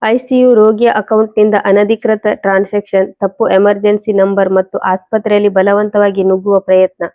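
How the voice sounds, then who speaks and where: A stern police sub-inspector lays out the charges in a calm, firm way, voiced by a woman narrator. The pitch stays level, in a dry, muffled recording. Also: moderate pace, no room sound, natural voice. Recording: dull lo-fi recording.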